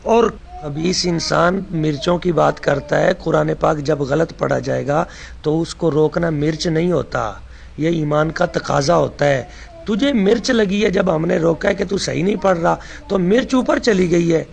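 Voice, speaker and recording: A man's voice: a little high, gravelly. A man in a voice-message debate, correcting recitation errors and scolding with rising heat. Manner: heated, scolding, rises into shouting rebukes.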